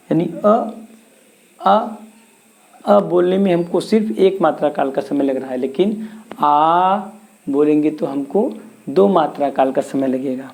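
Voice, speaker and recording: Man, teacher, mellow voice, exam-prep grammar lesson, asks and answers his own questions. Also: a little high. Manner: poses questions and answers them himself.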